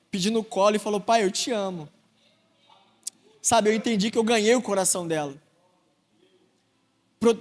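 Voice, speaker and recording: A young Brazilian man with a Rio accent preaches in a large church, his fairly high voice carrying long reverb through the hall. He speaks earnestly and personally, building emphasis as he goes. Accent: Brazilian Portuguese, Rio de Janeiro. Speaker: deacon preaching. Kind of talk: sermon.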